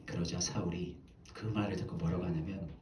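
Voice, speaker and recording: A man's voice: low-pitched, steady tone, brisk, far from the mic, slight background noise. Man preaching in an echoey hall. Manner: storytelling, dramatic shifts between hushed and loud. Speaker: pastor. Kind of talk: Sunday sermon. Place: church.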